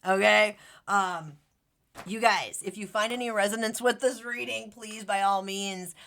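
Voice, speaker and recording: Woman tarot reader, casual and gushing, talks straight to her viewers with a crisp, bright voice. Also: medium pitch, a little slow. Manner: bubbly, chatty, affectionate, many fillers and "like".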